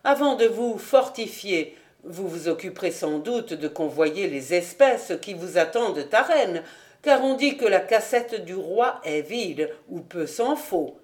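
A woman's voice: fairly low pitch, expressive, measured pace, darkish tone. A woman reading an audiobook, voicing a male nobleman who speaks with restrained, cordial courtesy. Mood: courteous.

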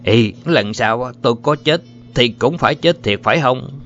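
A man playing a self-satisfied elder-brother figure with a gravelly voice and a Southern Vietnamese accent, speaking in a jovial drawl. The storybook voice rises and falls freely. The recording is a little dull, with faint music underneath. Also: medium pitch, animated, normal speed, a bit bright, pitched above the performer's own voice. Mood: playful. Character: swaggering grown man, boastful elder brother.

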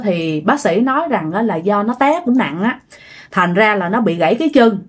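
A woman with a Southern Vietnamese accent tells a ghost story in a husky, medium-pitched voice. She keeps it chatty and talks directly to her listeners.

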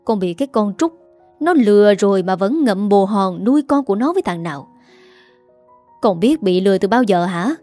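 A woman voicing a distraught, sharp-tongued grandmother in a read-aloud story, with a mellow tone. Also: mid-range voice, expressive, moderate pace, faint music behind, close to an everyday voice. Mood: angry. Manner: pleading, then scolding.

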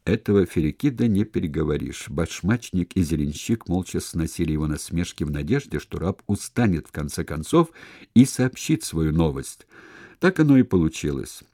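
A man reading a historical novel aloud as an audiobook narrator, with expressive storytelling. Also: sits low, moderate pace, dry recording, studio quality.

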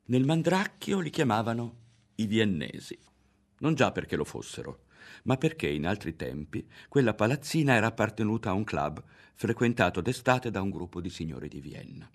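Deep husky male audiobook narrator. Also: very animated, normal speed. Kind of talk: literary audiobook reading.

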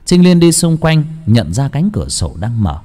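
A man narrating an audiobook in an expressive storytelling manner. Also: mid-range voice, moderate pace, soft background music. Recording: long hall reverb.

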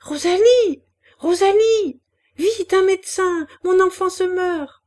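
A woman voicing a frantic young mother who cries out in high, loud panic over her sick child in an audiobook. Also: steady tone, normal speed. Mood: panicked.

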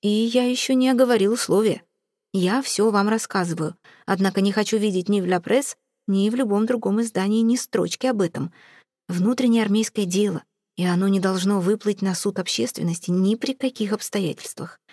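A woman's voice: medium pitch, warm tone, dry recording, clean studio sound, natural voice. Woman reading as a cold aristocrat officer. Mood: confiding. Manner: cold, measured, clipped. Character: cool, reserved young male aristocrat officer. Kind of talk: audiobook character reading.

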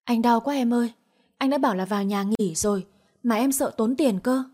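A woman's voice: fairly high pitch, a little fast, dark tone, lightly acted. A woman voicing a hurt young man who speaks weakly and feebly. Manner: weak, feeble murmur.

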